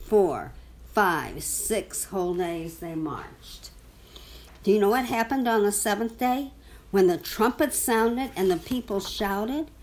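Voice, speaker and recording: Reading from a children's Bible storybook to a young child, a woman keeps her phrasing simple and deliberate and poses questions to her listener. Her voice sits on the low side.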